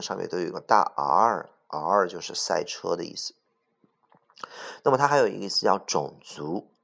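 Man, low voice, gravelly, English vocabulary teacher, explains words with examples, repeats them slowly. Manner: clears throat often. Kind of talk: vocabulary lesson.

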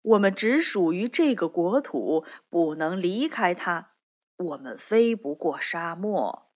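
A woman doing a lower-voiced monkey king. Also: expressive, slow. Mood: firm. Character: king of the winged monkeys, male, firm. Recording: dull lo-fi recording.

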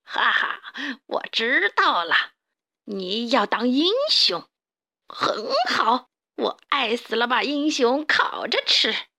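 Storybook villain: a woman doing a mean, bossy male rat boss, sneering, slightly high. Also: lively intonation, slow, bright, forceful tone, heavily acted. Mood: gloating. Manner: sneering, barks insults.

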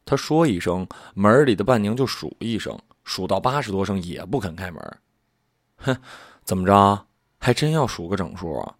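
Brief: male storyteller, wry and expressive, very animated delivery. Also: sits low, moderate pace, no room sound, clean studio sound. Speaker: narrator. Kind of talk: storytelling narration.

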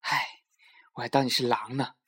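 A man's voice: mid-range voice, moderate pace, gravelly, fairly bright tone. A man voicing a boastful little rabbit child who brags shrilly and interrupts. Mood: timid.

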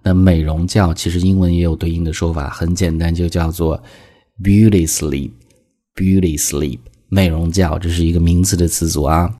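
Low mellow guy doing a vocab lesson, explains everything patiently, reads the examples nice and slow. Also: steady tone. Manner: reads English examples slowly and clearly. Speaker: English teacher.

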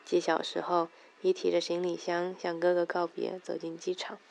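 A woman's voice: on the low side, monotone, moderate pace, gravelly, darkish tone, slight background noise. A woman casually reading a novel aloud, with crude asides of her own. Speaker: reader.

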